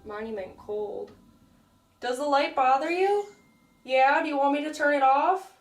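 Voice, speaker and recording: A young American woman on a ghost hunt, nervous and slangy, talking softly to spirits in a dark old prison. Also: sits high, unhurried, roomy sound, recorded from a distance, faint music behind. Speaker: paranormal investigator. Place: dark echoing old prison cell block.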